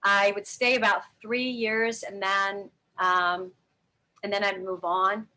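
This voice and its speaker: A woman's voice: medium pitch, level tone, slow pace, pushed and bright, low-quality recording. A middle-aged woman telling her life story candidly in an interview, rambling with many fillers and restarts. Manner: frank, earnest. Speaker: interview guest.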